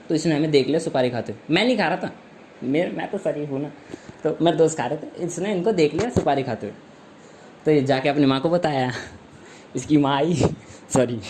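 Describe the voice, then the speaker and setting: A man's voice: fairly high pitch, background noise. A male stand-up comedian telling a story in a casual, chatty, slangy way.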